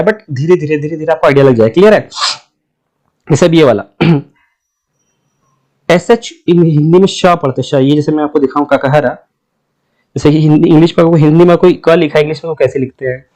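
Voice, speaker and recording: A man teaching English letter sounds in a casual spoken lesson, repeating each sound slowly and often checking that the viewer understands. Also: fairly high pitch, darkish tone.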